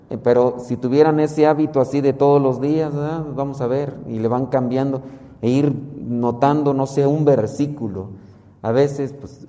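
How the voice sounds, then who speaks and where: Man preaching, mellow voice. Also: mid-range voice, long reverb tail. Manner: slow, measured explaining of scripture. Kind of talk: sermon.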